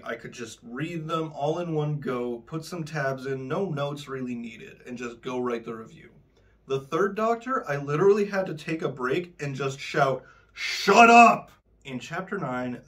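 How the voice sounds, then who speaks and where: A man's voice: mid-range voice, recorded from a distance. A man reading a scripted book review, sarcastic and swearing when he is frustrated.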